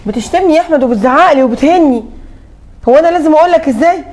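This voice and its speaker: An actress playing a scheming, spiteful mother-in-law, with an Egyptian Arabic accent and a scolding, sharp-tongued manner. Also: sits high, expressive, racing. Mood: sweetly complaining. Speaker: actress in a web drama.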